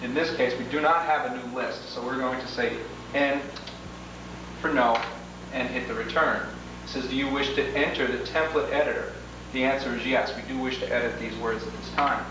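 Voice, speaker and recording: Working through an instructional training tape, a product demonstrator goes over each step in formal, methodical wording. His mid-range voice stays steady at a normal pace, captured in an echoey, noisy, distant homemade 1980s video.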